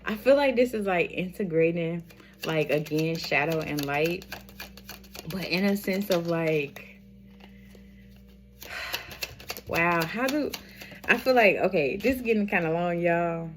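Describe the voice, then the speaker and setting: A woman giving a spiritual tarot reading to her viewers, speaking in a slow, reflective way, repeating phrases and calling them y'all. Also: lowish voice, background noise. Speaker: tarot reader.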